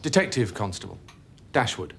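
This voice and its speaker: An actor playing a polite, persistent police detective in a 1990s British TV drama. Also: male voice, lowish voice, very animated, normal speed, vocal fry, a bit bright, slight background noise, heavily acted. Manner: polite, probing questions. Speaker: detective constable.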